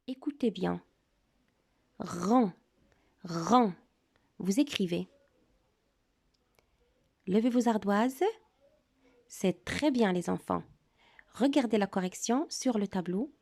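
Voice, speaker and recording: A woman's voice: medium pitch, takes it slowly, gravelly, long pauses, dark tone. A woman teaching a reading lesson to young children, speaking with careful articulation and encouraging them. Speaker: primary school teacher.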